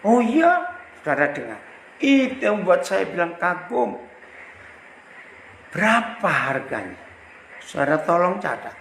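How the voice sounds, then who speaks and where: A high-pitched, gravelly male pastor from Indonesia tells stories in his sermon and acts out each character's lines. His voice rises and falls across a wide range, and it echoes through a hall with a faint murmur of ambience. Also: a little slow, pauses often, a little hiss or hum. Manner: animated storyteller, acts out dialogue. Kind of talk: storytelling sermon.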